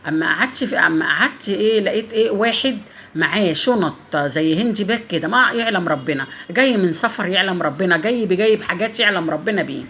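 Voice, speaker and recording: A woman's voice: fairly low pitch, expressive, quick pace, fairly bright tone, slight background noise. A middle-aged woman with an Egyptian accent, telling a funny story in a casual home cooking vlog, swearing by God often. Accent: Egyptian Arabic.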